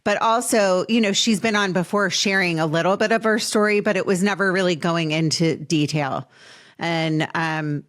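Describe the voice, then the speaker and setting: A woman in her late twenties hosting a podcast interview, speaking earnestly and affectionately to her guest. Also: on the low side. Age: late 20s. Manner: earnest and affectionate, slow in emotional moments. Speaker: podcast host.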